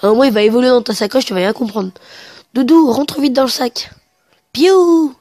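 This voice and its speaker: A woman's voice: on the high side, fast, darkish tone, no echo. A woman chatting casually through a let's play, hesitant and stumbling, reading game dialogue aloud while sniffly with a cold. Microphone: headset mic.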